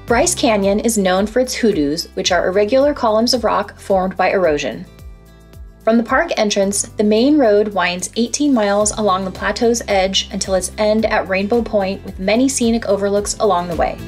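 A woman reads a scripted travel voice-over in a calm, informative, guide-like way. Her voice sits at an ordinary middle pitch, and soft music plays faintly under her. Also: normal speed, slightly rough. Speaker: travel vlogger narrating a road trip.

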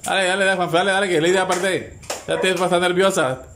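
A man hosting party games at home, urgently cheering players on with rapid, repeated urging and laughter. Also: sits high, steady tone. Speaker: host running family party games. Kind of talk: excited play-by-play commentary. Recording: noisy home recording.

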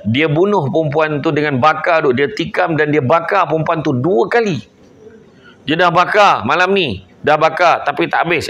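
Joking Malaysian preacher, live talk. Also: male voice, a little high, fairly bright tone. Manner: joking and teasing with the crowd, switching between I and aku. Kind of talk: comedic religious talk to a live audience.

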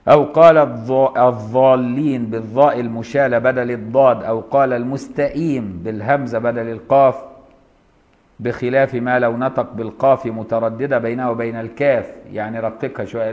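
Egyptian male teacher, mid-pitched, lectures on a classical text, dull lo-fi recording. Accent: Egyptian Arabic. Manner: reads classical text, then explains in colloquial dialect, voicing pronunciations slowly. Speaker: Islamic jurisprudence teacher. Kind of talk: lecture reading and explaining a text.

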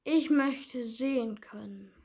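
A woman's voice: on the high side, slow, darkish tone, slightly rough, heavily acted. Woman playing a humble blind beggar man. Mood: pleading. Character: blind adult male beggar, hopeful and humble. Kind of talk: children's church story drama.

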